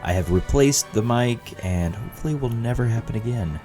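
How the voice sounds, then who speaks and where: A man's voice: medium pitch, expressive, a little fast, warm tone, faint music behind. A man hosting a card game commentary, opening the show with a plain, apologetic welcome through a faulty mic that makes his audio sound muffled and underwater. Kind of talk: casual spoken show intro.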